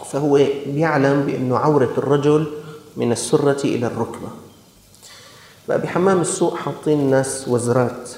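Preacher in a reverberant hall. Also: male voice, mid-range voice, a little fast, darkish tone. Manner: earnest, rhetorical, storytelling. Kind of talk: sermon.

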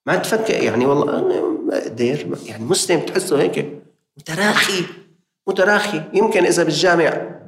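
A man's voice: fairly high pitch, brisk, gravelly, reverberant. A man with a Levantine Arabic accent preaching a sermon, appealing directly and passionately to his listeners.

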